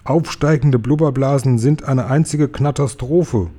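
Man voicing a big friendly giant, storybook reading, raised and drawn out, dark husky tone, muddled words. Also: mid-range voice, unhurried, voice pushed up, natural voice. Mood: lecturing.

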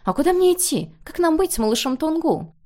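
A self-pitying middle-aged mother who once acted for a living, put on by a woman reading a novel aloud. She pleads and complains in a theatrical, whiny way, her voice pitched well above the reader's own. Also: big pitch swings, fairly quick, mellow. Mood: indignant.

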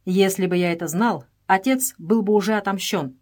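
A woman's voice: mid-range voice, normal speed, a little mellow, lightly acted. A woman reading aloud and voicing a grieving grown man who speaks solemnly in a trembling voice. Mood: grave. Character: grieving grown man, grave, steady elder brother.

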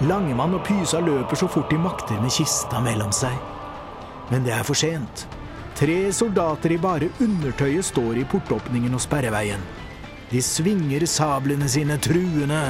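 A man's voice: on the high side, music in the background. Man narrating a children's pirate story. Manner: lively storyteller, voices all the characters. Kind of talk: scripted children's audiobook narration.

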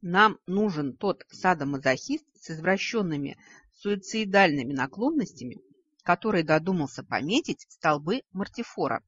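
A woman's voice: on the low side, animated, moderate pace, fairly bright tone, breathy edge, no room sound, muffled recording. A woman reading a story, voicing a sly, big-nosed male creature who pries like a gossip reporter. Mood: insinuating. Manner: sly, insinuating.

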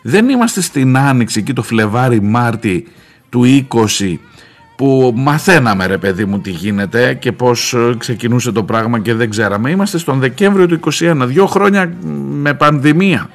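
A man, a journalist, telling a wry anecdote on the radio with lively asides. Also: mid-range voice, faint music behind. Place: radio studio.

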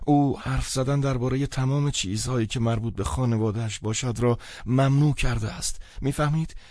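A man voicing a sentimental, tearful woman who speaks softly and pleadingly, in an audiobook. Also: medium pitch, lively intonation, dry recording, studio quality, voice pushed up, natural voice. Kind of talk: audiobook character reading.

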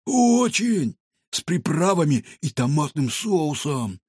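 A man's voice: on the high side, very animated, darkish tone, slightly rough, no room sound, studio quality, voice pushed up, heavily acted. A man reading a children's audiobook, voicing a whiny, indignant male street cat who is a petty thief. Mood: chatty. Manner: squealing, indignant, fast protests. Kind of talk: audiobook character voice.

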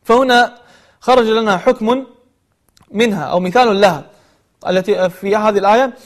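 A man teaching recitation, gently giving feedback and patiently explaining the rules while repeating examples. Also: high voice, normal speed. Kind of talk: online recitation lesson.

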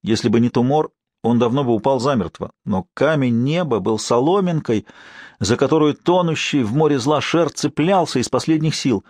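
A man narrating a fantasy audiobook in a steady, expressive reading. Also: mid-range voice, normal speed, no echo, studio quality. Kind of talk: scripted narration.

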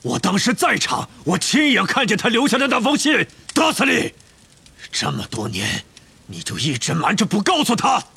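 A man playing a huge half-giant groundskeeper with a gravelly, raspy voice that swings wildly from low grumbles to booming roars. He is hot-tempered and blustering, a storybook giant through and through. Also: sing-song, normal speed, full character voice. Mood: indignant. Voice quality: gravelly, rough. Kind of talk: audiobook character reading.

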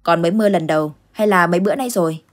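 A woman voicing a stern older village uncle who fights ghosts, gruff and commanding, in an audio ghost story. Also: lowish voice, quick pace, lightly acted.

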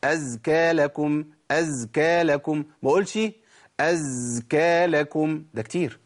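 Male recitation teacher, Egyptian accent, quick talker with a husky edge, self-questioning lesson style. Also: on the high side, darkish tone. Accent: Egyptian Arabic. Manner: asks and answers his own questions, slowly drawn-out recited examples. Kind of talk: tajweed lesson.

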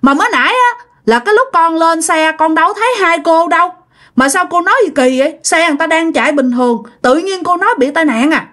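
A woman's voice: extremely high pitch, expressive, a little fast, fairly bright tone, pitched above the performer's own voice. A woman voicing a frightened young bus passenger who pleads and protests, with a Southern Vietnamese accent. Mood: protesting.

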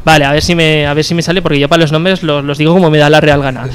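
A man's voice: fairly high pitch, fairly even intonation, very fast, clear, resonant tone. A man hosting a casual radio interview, talking loosely with many fillers and restarts. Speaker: radio host.

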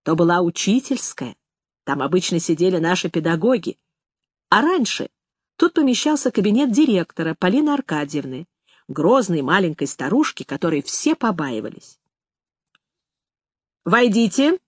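A woman reading a first-person story aloud in a measured, expressive manner. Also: on the low side, breathy edge, no room sound, studio quality. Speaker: audiobook narrator. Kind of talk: first-person literary narration.

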